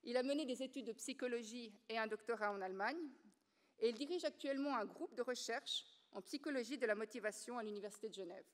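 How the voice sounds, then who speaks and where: A woman hosting a university public lecture, reading a measured, formal introduction of the program and the speaker. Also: fairly high pitch. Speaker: event host introducing speakers. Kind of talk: read introduction. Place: lecture hall. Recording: reverberant lecture hall.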